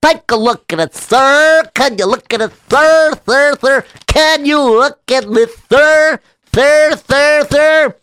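A man voicing an excitable, gossiping male villager, repeating words frantically. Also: very high-pitched, slow pace, no room sound, voice pushed up, full character voice. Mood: frantic.

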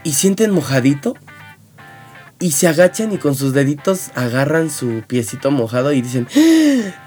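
A playful show host with a Mexican Spanish accent delivers a comedic advice monologue, acting out little scenes in put-on voices. The voice sits at a middling pitch, with faint music in the background.

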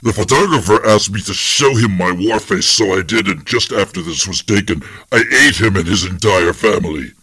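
A man playing a bragging deadpan alien warlord. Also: fairly low pitch, normal speed, few pauses, breathy edge, dry recording, heavily acted. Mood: casual. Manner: bragging, deadpan, casually brutal. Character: boastful male alien warlord showing off photos.

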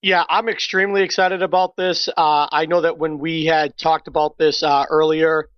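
An excitable man with a Boston accent chats on a podcast, stumbling over restarts. His voice sits a bit high. The recording is dry and slightly dull. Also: moderate pace, dry recording. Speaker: podcast co-host. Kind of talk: casual podcast chat.

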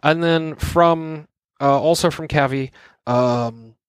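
A man's voice: on the high side, slow pace, smooth, no room sound, clean studio sound. A man hosting a casual conversational podcast in the easygoing manner of a public radio host.

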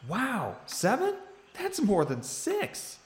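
Kenneth is an overeager, dim-witted brother, voiced by a performer, whose pitch leaps all over as he gushes. He speaks slowly. His voice is echoey, with faint noise behind it. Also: wildly swooping pitch. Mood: excited. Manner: gushing, overexcited. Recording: roomy echo with faint noise.

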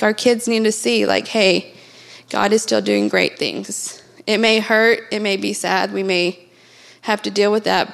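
A woman's voice: medium pitch, gravelly. A middle-aged woman, giving an earnest church testimony with many fillers and restarts. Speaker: church member sharing testimony.

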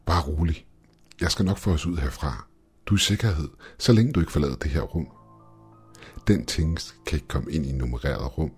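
A man voicing a calm, confident young woman who speaks in an offhand, reassuring way. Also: extremely low pitch, breathy edge, faint music behind, exaggerated voice.

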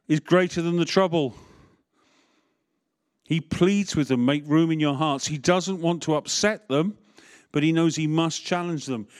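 A man, a vicar preaching a sermon in a candid, conversational way with jokes and asides. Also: fairly high pitch.

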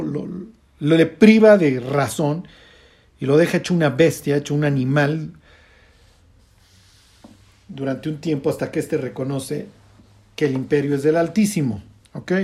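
A man's voice: on the high side, dark tone. A man teaching a conversational Bible study, explaining passages and pointedly commenting, often checking in with a questioning "ok?".

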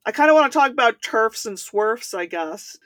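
A woman's voice: on the high side, animated, normal speed, fairly bright tone, dry recording. A woman hosting a podcast interview, asking casual, hesitant questions. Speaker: podcast host.

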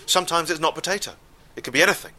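A man telling a comic story live, wry and exasperated, with deadpan asides. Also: fairly high pitch, racing.

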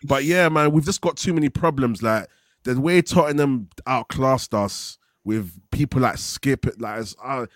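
A man's voice: medium pitch, unhurried, no room sound. London roadman-accented young man, dry close sound. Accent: London, urban street slang (roadman). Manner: slangy, emphatic venting with repeated tag questions. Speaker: football fan panellist. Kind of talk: casual football fan chat.

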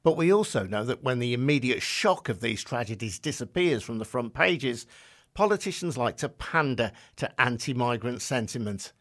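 A man hosting a news podcast, reading a scripted introduction in an earnest, clearly articulated way and then interviewing a guest. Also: medium pitch, expressive, normal speed, a bit bright. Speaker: podcast host.

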